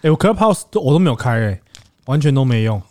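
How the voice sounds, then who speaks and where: A man co-hosting a podcast answers his friend with quick, playful banter. He speaks, and his pitch leaps around in animated chat. The recording is dry and close. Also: no echo. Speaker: podcast co-host. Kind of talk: casual chat.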